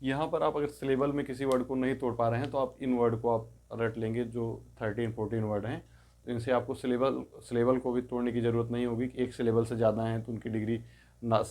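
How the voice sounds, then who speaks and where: A man tutoring English grammar in a step-by-step lesson. He is patient and repeats each word form slowly, explaining in Hindi and saying the English forms aloud. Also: medium pitch, level tone, darkish tone.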